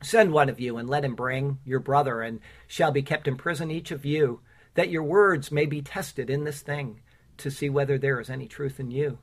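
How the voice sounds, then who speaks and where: A pastor preaching a sermon with casual asides and fillers, who reads his own rhymed Bible poem in a measured cadence. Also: mid-range voice, fairly even intonation. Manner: earnest, recites rhymed verse in a measured cadence.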